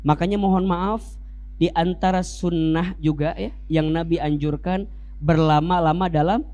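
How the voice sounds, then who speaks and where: A male Islamic preacher, giving a lively sermon full of rhetorical questions and joking asides. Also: a little high, a little slow, dull audio.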